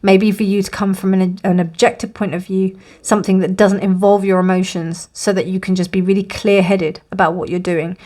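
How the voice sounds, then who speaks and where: Woman, tarot reader, chatty and rambling, a bit breathless, mid pitch. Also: flat delivery, a little fast, hardly any pauses, darkish tone. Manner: rambling, many fillers and restarts. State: out of breath, dry mouth. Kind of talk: casual spoken tarot reading.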